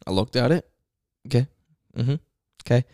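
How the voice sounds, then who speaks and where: A man co-hosting a podcast, deadpan and wry, swearing casually as he tells stories. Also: mid-range voice, moderate pace, no echo, clean studio sound. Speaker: podcast co-host. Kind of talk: casual chat.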